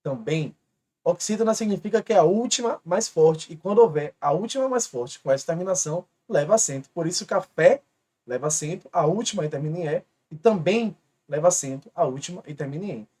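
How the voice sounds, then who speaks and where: A man from Brazil teaching an exam-prep grammar lesson, explaining step by step and repeating each example word slowly while he writes on a board. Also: on the high side, expressive, dark tone, breathy edge.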